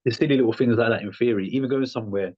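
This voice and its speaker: Racing along in a mid-range voice, a thirtysomething man talks candidly as a guest on a podcast interview, his phrasing rambling and loose with lots of "um" and "like." The audio sounds dull but has no echo.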